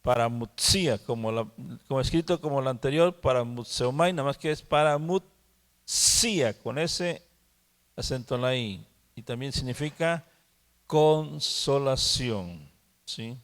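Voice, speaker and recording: A man teaching the Bible at a prayer meeting. He talks slowly, repeats words and keeps asking "¿sí?". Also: medium pitch, big-room sound. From Mexico. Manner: slow, repeats words and asks "¿sí?". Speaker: preacher.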